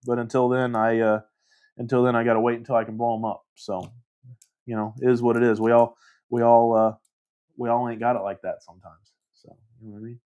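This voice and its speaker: A man's voice: medium pitch, little pitch movement, fairly quick, darkish tone, clean tone. A man casually hosting a livestream, reading viewer comments aloud and rambling with self-deprecating laughs. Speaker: livestream host.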